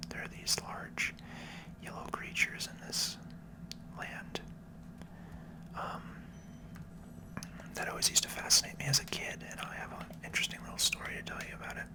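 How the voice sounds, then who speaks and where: During gameplay, a person murmurs unhurried ASMR remarks in a gentle, chatty way, very near the microphone. The voice is a hushed, breath-filled whisper edged with creak.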